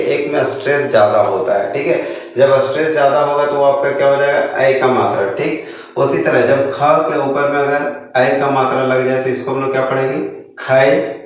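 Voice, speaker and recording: Man sounding out syllables in an echoey room. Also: medium pitch. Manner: slow syllable-by-syllable sounding out, frequent "ठीक है" and rhetorical questions. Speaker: teacher. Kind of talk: Hindi phonics lesson for children. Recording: echoey room, distant mic, dull sound.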